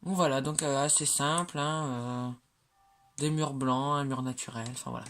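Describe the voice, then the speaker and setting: With a little hiss or hum underneath, a medium-pitched, slightly bright voice moves at a moderate pace in a steady tone. It's a game maker casually touring their own builds, stumbling through fillers and self-corrections while cracking jokes about the slip-ups.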